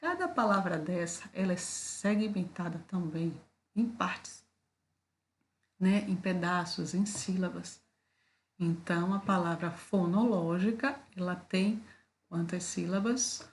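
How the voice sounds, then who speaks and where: Lower-pitched Brazilian woman teaching a lesson. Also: slow. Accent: Brazilian Portuguese. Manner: explanatory, with frequent "tá?" and "né?" check-ins. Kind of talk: video lecture.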